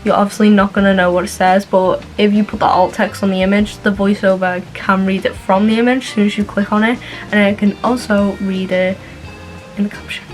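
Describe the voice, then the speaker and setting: A woman's voice: mid-range voice, fairly even intonation, a little fast. A young woman giving a casual tutorial in an informal, chatty way, with asides. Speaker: vlogger. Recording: music playing behind the voice. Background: background music.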